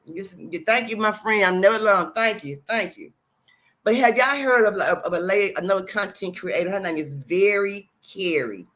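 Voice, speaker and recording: A woman's voice: mid-range voice, moderate pace, a bit bright, poor audio. A woman hosting her own channel, chatting casually to viewers in a rambling, repetitive way and calling them "y'all". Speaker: channel host. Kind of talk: casual livestream talk.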